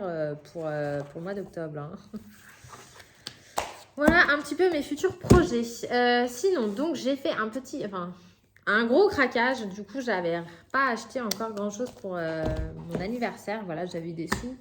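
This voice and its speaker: A woman's voice: medium pitch, background noise. Chatty French-speaking woman vlogger. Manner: chatty, many fillers and restarts. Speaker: coloring vlogger. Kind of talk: casual chat. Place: home.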